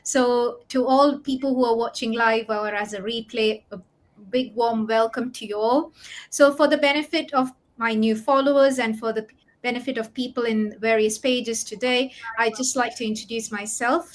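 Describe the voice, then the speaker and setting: A middle-aged woman, an online business coach, hosts a live promotional talk over an online video call. Her voice is on the high side, with a steady tone and normal speed.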